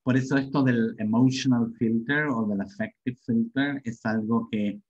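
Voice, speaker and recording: In a steady, mid-range voice that's darkish and slightly rough, this middle-aged man teaches a language in an informal webinar, speaking at a measured pace. His Argentine Spanish accent comes through, he checks in often with brief tag questions, and the audio sounds dull and muffled.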